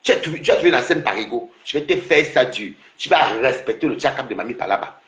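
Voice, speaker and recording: A man's voice: medium pitch, lively intonation, fast, fairly bright tone, roomy sound. A man taunting a rival on his livestream, repeating himself and laughing mockingly.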